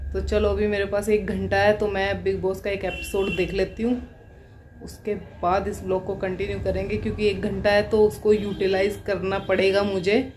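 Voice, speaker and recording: A chatty mother vlogs from her home kitchen, talking to her phone camera in an easy, everyday way. She laughs often and slips into playful cooing when she turns to her kids. Her voice sits at a middling pitch, with a faint hiss of noise behind it. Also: a little mellow. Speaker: vlogger and mother. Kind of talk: casual home vlog chat.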